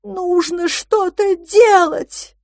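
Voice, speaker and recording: A woman voicing a desperate, shaggy-browed male giant monster who shouts high and loud as he pleads for help. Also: fairly even intonation, drawn-out words, no echo, clean studio sound, full character voice. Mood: desperate pleading.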